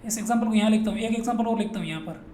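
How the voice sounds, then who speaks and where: A man's voice: high-pitched, very fast, mellow. A male teacher from Rajasthan, India, giving a grammar lesson. He playfully asks questions and answers them himself, repeating each point many times. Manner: drills students, asks and answers his own questions; playful, repetitive. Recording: echoey room with faint noise.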